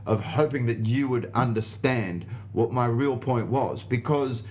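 Medium in pitch, slightly slow and a little mellow, this Australian comedian's voice carries casual anecdotes in an interview. He's emphatic and sweary, bringing the conversations in his stories to life by acting them out.

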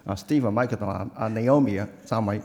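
Male church interpreter. He is quick and plain, with a mid-range voice, in a reverberant church hall. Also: on the low side, darkish tone. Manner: quick, plain, conversational rendering. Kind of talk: live sermon interpretation.

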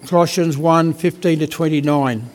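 A man preaching a sermon as a priest, reading scripture slowly and deliberately with pauses. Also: a little high.

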